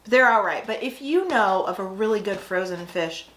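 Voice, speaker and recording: A woman's voice: medium pitch, expressive, normal speed, fairly bright tone, a little hiss or hum. An American woman chatting casually and enthusiastically as she reviews food on a vlog. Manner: enthusiastic, exclaiming. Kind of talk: casual taste-test chat. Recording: echoey room.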